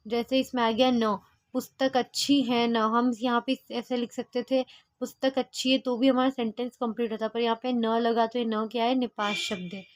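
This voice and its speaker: A woman's voice: on the high side, little pitch movement, normal speed, no room sound. A woman tutoring a grammar lesson, explaining each example and answering her own questions, with fillers and restarts.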